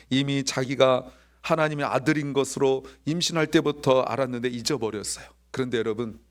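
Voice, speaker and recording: A man preaching from the pulpit in a medium-pitched voice. He speaks in a lively way and slips into quoted dialogue as he talks to his congregation. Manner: animated, acting out quoted dialogue. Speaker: pastor. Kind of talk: sermon.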